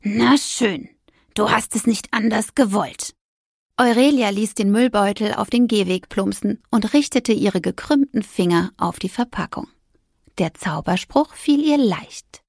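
A woman narrating a children's story in an expressive storytelling manner. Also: medium pitch, creaky, husky, no echo, clean studio sound. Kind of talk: audiobook narration.

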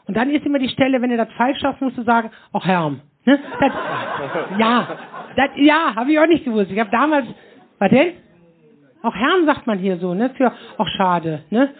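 A man tells stories to a hall audience in a loose, rambling way and keeps throwing in "ne?". His voice sits high. The live recording is muffled and thin, like a phone line. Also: normal speed. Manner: rambling, constant tag questions "ne?". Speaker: host of a live podcast show. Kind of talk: chatty live stage talk to an audience.

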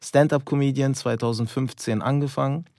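A man in his mid-thirties talks as a guest comedian on a podcast, cocky and deadpan with his jokes. His pitch is ordinary and the recording is dry and close. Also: normal speed, no room sound. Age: 30s. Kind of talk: casual podcast chat.

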